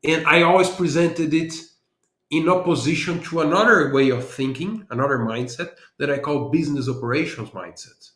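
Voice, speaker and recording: Guesting on a podcast, a Brazilian business analysis consultant, a native Portuguese speaker with a Brazilian accent, thinks out loud as he sincerely lays out his ideas. His voice sits on the high side, fairly bright, at moderate speed, and sounds reverberant.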